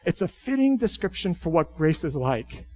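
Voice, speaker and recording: A pastor preaching a sermon, telling a family story with sudden swings between loud emphasis and quiet asides. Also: male voice, on the high side, very animated, normal speed.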